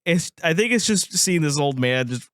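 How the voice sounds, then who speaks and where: This co-host's voice is on the high side and fairly bright, animated, and at normal speed as he discusses a film casually on a podcast. He often laughs and acts out lines with put-on voices, in clean studio sound with no room sound.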